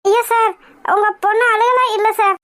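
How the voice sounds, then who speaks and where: A woman's voice: very high voice, fairly even intonation, fairly quick, fairly bright tone, soft background music. A woman voicing an anxious young cartoon nanny. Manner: pleading, anxious. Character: nervous young female nanny, anxious servant. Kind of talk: village cartoon voice acting.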